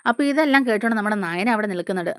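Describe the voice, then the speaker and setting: A woman's voice: mid-range voice, lively intonation, racing, clean tone, dry recording, studio quality. A woman retelling a TV serial in a chatty, casual storytelling way. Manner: chatty, ends lines with a tag word. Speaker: serial recap narrator.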